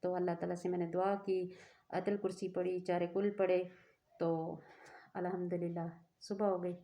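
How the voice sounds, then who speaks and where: A woman's voice: fairly low pitch, little pitch movement, moderate pace, dark tone. A woman telling a personal story in a rambling, earnest way that keeps interrupting itself. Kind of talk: casual storytelling to camera.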